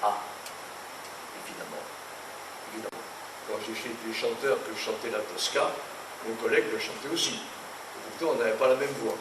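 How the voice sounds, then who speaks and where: Pausing often at normal speed, a mid-range male voice belongs to an older painter from France who delivers an indignant, digressive talk to an audience in a conference hall. He tells anecdotes animatedly, and the recording is echoey, distant and noisy.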